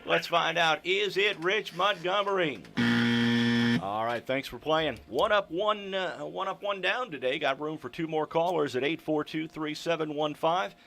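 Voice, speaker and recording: A man's voice: on the high side, normal speed, gravelly, few pauses. A man hosting a live local radio call-in contest, chatting casually in a folksy, rambling way with dry humor. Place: radio studio.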